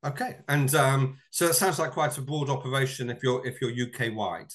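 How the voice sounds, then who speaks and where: A man's voice: medium pitch, moderate pace. A middle-aged man hosting a business interview over a video call, friendly, often repeating words as he frames his questions. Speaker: interview host. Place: home room indoors. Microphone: webcam on a video call.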